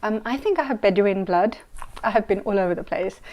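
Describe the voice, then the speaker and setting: A woman's voice: mid-range voice, brisk, highs cut off. Earnest woman scholar, emphatic. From Saudi Arabia, raised in Kenya and London. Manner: earnest, emphatic, repeats points for stress. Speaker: Islamic scholar and mediator. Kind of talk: interview answers.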